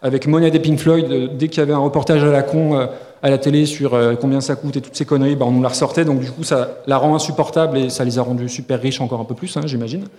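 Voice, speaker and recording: A man's voice: mid-range voice, fairly even intonation, fast, dark tone. Joking man in an echoey hall. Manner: joking, rambling with many fillers and restarts. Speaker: podcast co-host. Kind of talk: live podcast banter on stage. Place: live festival stage before an audience. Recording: echoey hall with long reverb.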